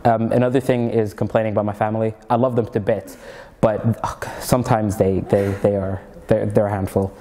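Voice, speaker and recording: A young Norwegian man, a comedian and student, chats in a casual interview with an American-sounding accent he picked up in Egypt. His low-ish, warm voice has little pitch movement and moves fairly quickly with few pauses. He rambles with lots of fillers and restarts, and the sound has a big-room quality.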